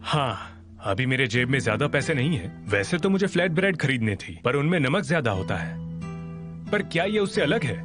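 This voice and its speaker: A man's voice: medium pitch, very animated, normal speed, over music, close to an everyday voice. A man dubbing a proud, stubborn man who insists on refusing help, in a drama. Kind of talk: Hindi dub of a drama.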